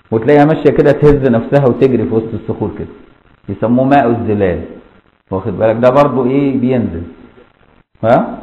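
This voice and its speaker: A man's voice: medium pitch, roomy sound, muffled recording. A man with an Egyptian accent teaching a lesson on a classic legal text, explaining step by step and asking his students rhetorical questions. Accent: Egyptian Arabic. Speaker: Islamic law teacher.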